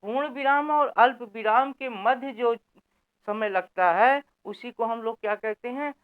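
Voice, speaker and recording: A man explains grammar step by step, often pausing to check that his listeners are following and putting questions to the class that he then answers himself. His voice is smooth and clear. The sound is squeezed into a narrow, phone-like band. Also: very high-pitched. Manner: repeats "theek na" checking in, asks and answers own questions. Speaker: Hindi grammar teacher. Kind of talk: explanatory lesson.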